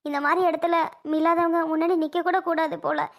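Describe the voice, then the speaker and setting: A woman playing a poor young village mother who speaks softly and sounds wounded. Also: very high-pitched, level tone, fairly quick. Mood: hurt. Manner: soft, pleading, wounded. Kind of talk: village skit acting.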